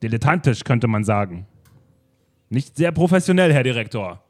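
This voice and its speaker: An improv performer with a mid-range, slightly mellow voice plays a pompous detective in an improvised radio play. He speaks at a moderate pace with big pitch swings, declaiming grand speeches with theatrical emphasis and a grandiose mood.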